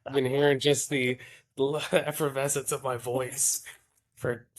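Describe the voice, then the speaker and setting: A podcast co-host with a raspy voice, making dry joking asides in casual chat. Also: mid-range voice, level tone, a little slow.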